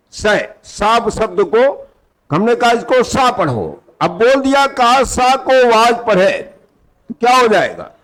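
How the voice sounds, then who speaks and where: A man's voice: extremely high pitch, fairly bright tone, poor audio. A male teacher giving an exam-prep lecture with a Hindi accent, quizzing his students and repeating the key terms.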